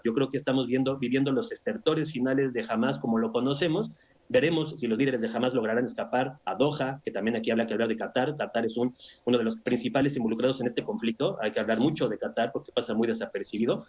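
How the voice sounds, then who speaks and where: Husky man giving news analysis. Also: mid-range voice, darkish tone. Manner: measured, analytical, with frequent "o sea" and "¿no?". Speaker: analyst guest. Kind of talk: news interview commentary.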